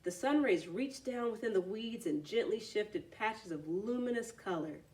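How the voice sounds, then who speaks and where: A woman storyteller reads aloud for children at a normal speed, her medium-pitched voice full of very lively, swinging intonation. Narration alternates with simple explanatory asides, and she is a little distant from the mic.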